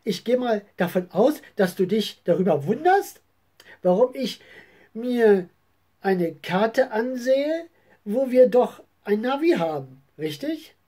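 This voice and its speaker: A woman voicing a careful husband calmly explaining himself to his wife. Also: on the high side, slow, exaggerated voice. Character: reasonable, careful middle-aged husband.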